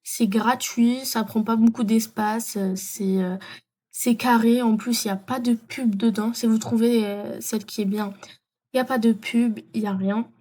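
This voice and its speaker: Hesitant young-sounding woman, mellow. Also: a little high, steady tone, normal speed. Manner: hesitant, many fillers and self-corrections. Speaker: vlogger. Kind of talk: casual screen tutorial.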